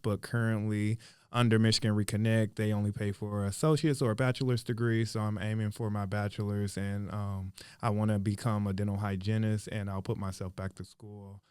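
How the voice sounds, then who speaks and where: Calm man, low smooth voice. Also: no room sound, clean studio sound. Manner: calm, steady, starts with 'um'. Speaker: returning student guest. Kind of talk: casual podcast interview.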